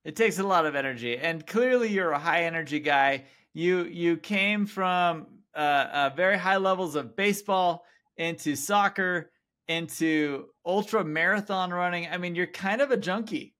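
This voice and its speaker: Bright, high-voiced enthusiastic podcast host. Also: male voice, moderate pace. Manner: enthusiastic, affirming. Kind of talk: casual interview.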